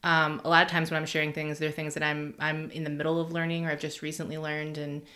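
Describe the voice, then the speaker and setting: Low-voiced fast-talking woman guest. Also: monotone, pushed and bright. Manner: playful, laughing easily. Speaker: podcast guest, content creator. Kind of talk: casual podcast conversation.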